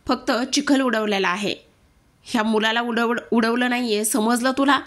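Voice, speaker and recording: Woman acting arrogant rich woman, haughty, scornful, condescending, fairly high voice. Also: steady tone, moderate pace, fairly bright tone, close to an everyday voice.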